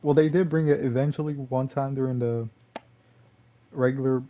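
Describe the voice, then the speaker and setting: A man's voice: mid-range voice, fairly even intonation, normal speed, muffled recording. A man giving casual gameplay commentary, rambling and correcting himself, chuckling often.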